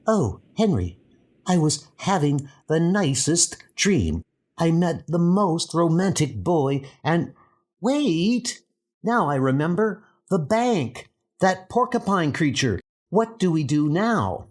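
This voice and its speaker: A woman's voice: on the low side, very animated, slow pace, a little mellow, full character voice. Coy, pouting Wasp heroine acted by a woman. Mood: dazed. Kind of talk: comic-book dub acting. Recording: music under the voice.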